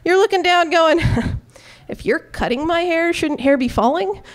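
A woman's voice: very high voice, measured pace. A young woman performing a stand-up comedy routine on a club stage, telling stories with acted-out quotes into a handheld mic. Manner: animated storytelling with acted-out quotes and gestures.

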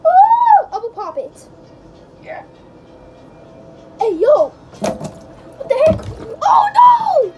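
A gaming video creator talking through a voice changer, giving casual gameplay commentary and yelping excitedly at the game. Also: extremely slow, long pauses, soft background music. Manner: excitable, yelps and shouts at the game. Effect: pitch-shifting voice changer.

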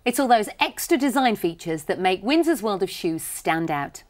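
A woman's voice: medium pitch, sing-song, moderate pace. A middle-aged British woman hosting a shopping channel, delivering upbeat scripted sales patter in a studio. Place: TV studio lounge set.

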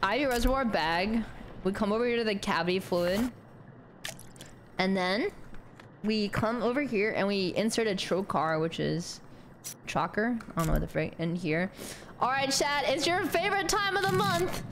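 A young woman streaming a game, chatting to her viewers, giggling and filling pauses with "um". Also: medium pitch, a little hiss or hum. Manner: talks to chat, animated, giggly, mumbles "um" often. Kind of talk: casual gameplay commentary.

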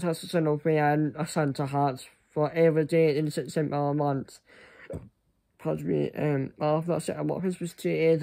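A young man chatting casually to camera in a halting, rambling way that often trails off. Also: fairly high pitch, creaky, dark tone. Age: young adult. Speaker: vlogger. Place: small furnished room indoors. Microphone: phone at arm's length.

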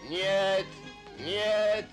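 A street fortune-teller who chants little rhymes in a folksy, sing-song patter. His voice sits a little high, with soft music under the old soundtrack. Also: level tone, drawn-out words. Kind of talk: dubbed 1970s film acting.

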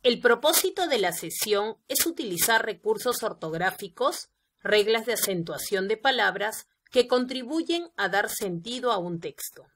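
A woman teaching a grammar lesson, talking to her students directly. She speaks very slowly and carefully, giving each example word room. Her voice sits at an ordinary middle pitch. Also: a bit bright. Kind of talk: scripted Spanish lesson narration.

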